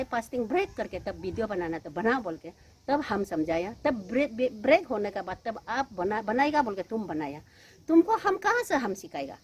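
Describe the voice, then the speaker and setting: A woman from Arunachal Pradesh gives an emotional public statement in a fairly high voice, pleading and reproachful by turns. She rises sharply, then drops to quiet, weary stretches. Faint outdoor noise hums underneath. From Arunachal Pradesh, India. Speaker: woman answering allegations on local news.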